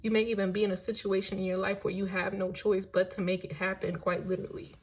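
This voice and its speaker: A woman's voice: mid-range voice, flat delivery, quick pace. Woman doing a tarot reading, casual and emphatic, swears a bit, keeps saying right? okay?. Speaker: tarot reader.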